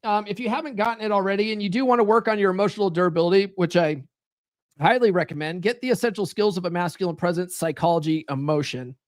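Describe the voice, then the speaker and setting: He's a fast-talking podcast host with a high-pitched voice, rambling profanely through a casual live-stream monologue full of "right?" and "like." There's no echo on the recording.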